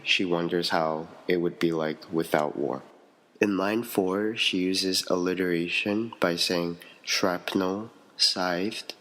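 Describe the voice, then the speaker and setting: A man reading out a prepared poetry analysis as a student, in a measured, steady way. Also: deep voice, rough recording.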